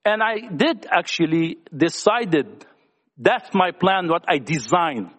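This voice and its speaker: A man's voice: fairly high pitch, lively intonation, takes it slowly, fairly bright tone. A man sharing his personal testimony at a church gathering, talkative and earnest as he speaks to young people. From Lebanon. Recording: echoey hall.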